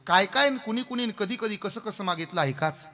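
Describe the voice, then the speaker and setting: A man's voice: high voice, animated, normal speed, sharp tone. A man preaching a comic devotional kirtan, playfully teasing the crowd and leading call-and-response. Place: stage before a live audience. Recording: long hall reverb, faint music.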